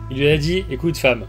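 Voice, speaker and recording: A man streaming a game, casually reading the dialogue aloud and reacting with amused asides on a basic microphone. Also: on the high side. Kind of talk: casual let's-play commentary. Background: faint background music.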